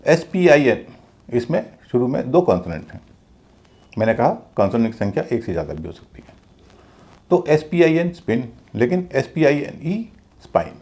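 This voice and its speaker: A man's voice: medium pitch, sing-song, moderate pace, darkish tone. A man teaching English pronunciation in a video class, explaining rules step by step and repeating them with examples.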